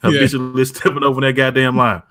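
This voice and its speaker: A man's voice: mid-range voice, completely flat delivery, a bit bright. A man on a podcast talking bluntly and profanely in casual chat. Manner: blunt, profane, quick talker. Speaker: podcast co-host.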